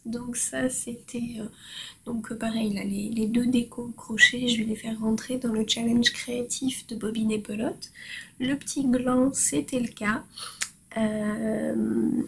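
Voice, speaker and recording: A woman's voice: on the high side, level tone, unhurried, vocal fry, a bit bright, a little hiss or hum, rough recording. A woman hosting a crafting podcast, chatting casually and cheerfully while showing her work, with frequent hesitations and fillers. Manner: cheerful and self-mocking. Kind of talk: casual show-and-tell chat.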